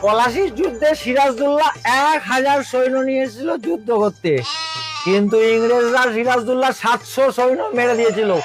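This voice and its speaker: A man's voice: extremely high pitch, a little fast, over music. A man playing an argumentative town drunk in a comedy skit, taunting people with silly trick riddles.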